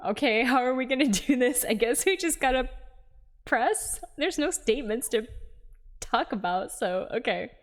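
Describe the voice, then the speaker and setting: A woman's voice: high-pitched, animated, moderate pace. A woman live-streaming a game, chatting with viewers in a playful, giggly way. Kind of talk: live stream chat with game dialogue read aloud.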